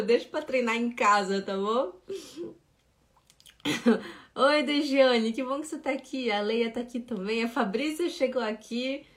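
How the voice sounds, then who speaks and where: Chatty woman teaching German live. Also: a little high. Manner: chatty, greets viewers by name, drills pronunciation slowly. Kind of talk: casual live-stream lesson. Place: home room with lights.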